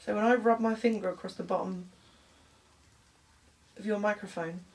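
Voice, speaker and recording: A woman's voice: mid-range voice, steady tone, normal speed. Woman chatting casually, noticeable background noise. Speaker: paranormal investigator. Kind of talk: casual chat while testing phone apps.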